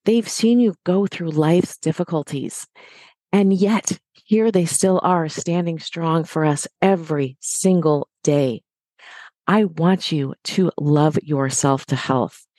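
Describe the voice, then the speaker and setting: Middle-aged woman from the US, fitness guest; low mellow voice, dry close sound, upbeat coaching tone. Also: takes it slowly, dry recording. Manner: encouraging, direct to listeners. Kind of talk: motivational podcast talk.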